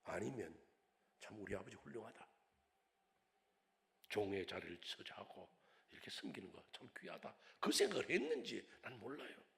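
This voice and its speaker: An older man preaching a revival sermon as a pastor, telling stories dramatically and swinging from hushed whispers to loud cries. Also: lowish voice, sing-song, normal speed, creaky, long pauses. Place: church sanctuary. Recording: long hall reverb in a church.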